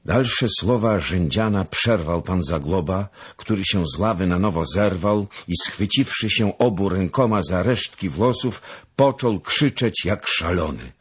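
Deep husky man narrating expressively. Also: unhurried. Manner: dramatic, expressive. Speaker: audiobook narrator.

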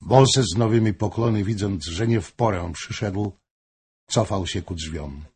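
A man narrating an audiobook of a historical novel in a measured, even storytelling manner, with a husky voice. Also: on the low side.

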